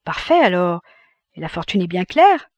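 A man's voice: sits high, very animated, normal speed, no echo. A woman voicing an eager old father. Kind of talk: audiobook reading.

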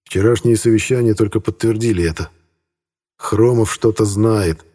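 In a measured, even storytelling manner, a man narrates an audiobook from a script. His voice sits lowish and carries a breathy edge.

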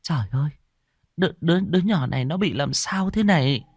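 Man playing a crying, panicked matriarch in a horror tale, voice pushed up high. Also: lively intonation, fairly quick, husky, no echo. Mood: distraught. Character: grieving older village woman, frantic.

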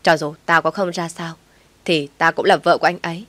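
A woman's voice: on the low side, fairly even intonation, fairly quick, no room sound. A woman doing a vicious, jealous young wife. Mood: furious. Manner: shouting, cursing harshly.

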